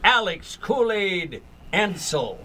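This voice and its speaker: Talk host, male, bright tense voice, faint background noise. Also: high voice, very animated, slow. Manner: prompting questions, leading into clips. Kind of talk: interview chat.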